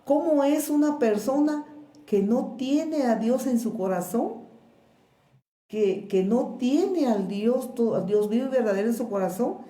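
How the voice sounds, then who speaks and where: A woman pastor with a Guatemalan Spanish accent, preaching a sermon in a slow, measured way with pauses and repeated words. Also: sits high, dark tone, reverberant. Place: church.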